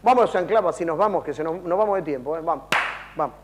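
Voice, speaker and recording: A high-pitched middle-aged man hosts a comedy show. He needles the people he interviews with mock indignation and rapid jokes. He talks into a handheld mic over faint background hiss. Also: lively intonation. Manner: joking, teasing banter with mock outrage. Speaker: comic TV host. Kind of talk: comic street interviews. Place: indoor studio and shops. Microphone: handheld microphone.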